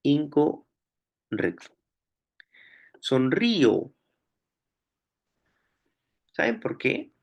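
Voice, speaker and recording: A man's voice: fairly high pitch, big pitch swings, drawn-out words, gravelly, long pauses. A man teaching a language lesson, working through exam questions aloud and thinking as he goes. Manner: explanatory, thinks aloud while solving. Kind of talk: explaining exam questions on phonology.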